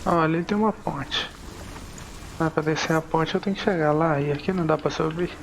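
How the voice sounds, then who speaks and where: A Brazilian man with a fairly high, noticeably creaky voice comments casually on a game. He mutters to himself in exasperated slang, with clear noise and game ambience behind him. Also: fairly even intonation, fairly quick, rough recording. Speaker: gaming video host.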